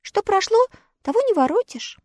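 A young storybook girl, high and bright, earnest and easily worried, with a childlike, pleading lilt, as a woman puts her on. Her voice jumps far above an ordinary speaking voice and stays dry and close. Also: sing-song, normal speed, no room sound.

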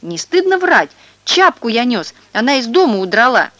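A woman's voice: medium pitch, lively intonation, fairly quick, fairly bright tone, no echo, highs cut off, close to an everyday voice. A woman reading a children's story aloud, voicing a little boy protesting his innocence. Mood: indignant. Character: little boy narrator, pleading and indignant.

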